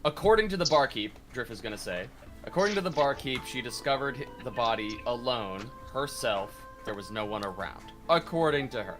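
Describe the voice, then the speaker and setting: A man's voice: medium pitch, animated, brisk, fairly bright tone. A man chatting casually as a player in an online tabletop game. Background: clear music.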